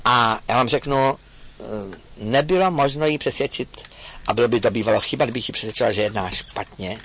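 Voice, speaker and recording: A man giving an earnest, confessional talk to an audience, telling a personal story with hesitant pauses. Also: mid-range voice, fairly bright tone, a little hiss or hum, low-quality recording. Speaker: speaker addressing an audience.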